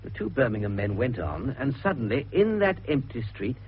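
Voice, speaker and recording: In a radio drama, a male actor plays a harassed, irritable British police superintendent, speaking in a brisk, emphatic, exasperated manner. His voice is medium-pitched with big pitch swings, and the acting is light. The broadcast sounds muffled, with faint noise.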